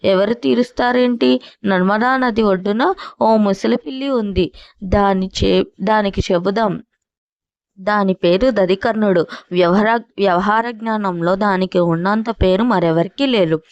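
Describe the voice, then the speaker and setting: A quick-tempered little bird, as a woman narrator puts her on, scolding and impatient. The voice has a gravelly edge. The recording is dry and somewhat muffled. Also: medium pitch, no echo, lightly acted. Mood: urging. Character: small female bird, hot-tempered.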